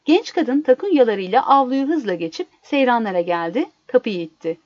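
A woman narrating a story in an expressive, dramatic reading, in a dull lo-fi recording. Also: a little high, brisk, dry recording. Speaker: reader.

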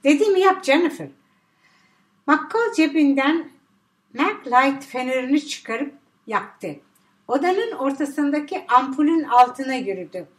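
A woman reading a thriller audiobook, telling vivid action scenes in steady storytelling. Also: sits high. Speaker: narrator.

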